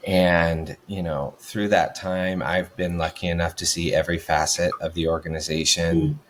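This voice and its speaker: A man answering interview questions about his career in a measured way, often pausing on uhs. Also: sits low, little pitch movement, slight background noise. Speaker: nonprofit development officer, guest.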